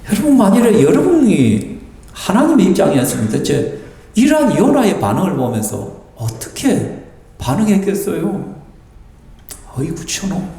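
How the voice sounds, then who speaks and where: A man's voice: high-pitched, creaky, dark tone. A male pastor with a Busan accent, preaching a dramatic sermon and acting out the figures in the story as he questions the congregation. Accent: Busan Gyeongsang Korean. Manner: dramatic, acts out voices of the people in the story, asks the congregation questions. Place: church sanctuary. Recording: echoey church hall.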